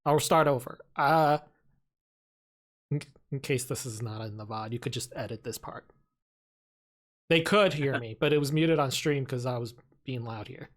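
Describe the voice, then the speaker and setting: A man co-hosting a livestream chat, making quick, apologetic asides. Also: mid-range voice.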